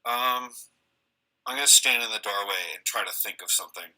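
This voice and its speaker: A man with a low voice and a strongly bright, cutting tone plays a tabletop game online. He speaks in easygoing short answers and asks questions. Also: moderate pace, low-quality recording. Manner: laid-back, short replies. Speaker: player. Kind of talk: casual tabletop play.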